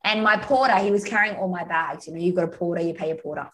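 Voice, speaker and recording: A woman from Australia with an Australian accent, a podcast guest telling stories in a chatty, animated way over a remote call. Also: lowish voice, fast, slight background noise, poor audio. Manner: chatty storyteller, animated, frequent "you know" and "like". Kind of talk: casual podcast conversation.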